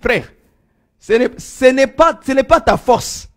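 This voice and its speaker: A man preaching a sermon, swinging from loud proclaiming to low murmurs. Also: lively intonation, takes it slowly.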